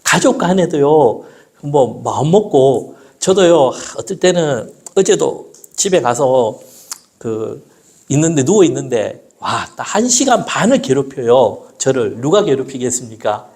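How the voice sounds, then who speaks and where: A middle-aged man preaching a sermon. He keeps asking the congregation questions and answering them himself, and he slows down when he quotes scripture. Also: mid-range voice, very animated, a little mellow. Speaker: pastor.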